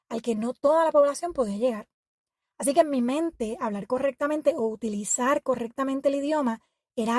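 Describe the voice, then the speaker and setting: A woman hosting an educational podcast, reading a scripted narration in a measured, reflective and explanatory way. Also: high voice, darkish tone, no room sound. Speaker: podcast host.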